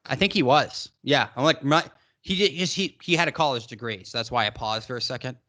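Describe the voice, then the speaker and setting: A man's voice: mid-range voice, brisk, bright, forceful tone. A man in his late twenties from Massachusetts, co-hosting a podcast and giving rambling, emphatic opinions in casual discussion. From Massachusetts, United States. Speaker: podcast co-host.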